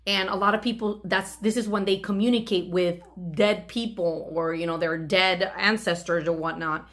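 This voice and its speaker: Her voice is mid-range and fairly bright, steady in tone and moderate in pace. She hosts her own channel, telling a personal story conversationally while acting out parts of the dialogue.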